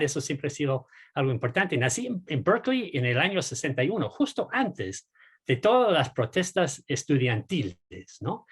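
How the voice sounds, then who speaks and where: Hesitant man in his sixties, husky. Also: mid-range voice. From United States. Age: 60s. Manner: hesitant, many repeated words and fillers. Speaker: guest political scientist. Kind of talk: casual interview answers.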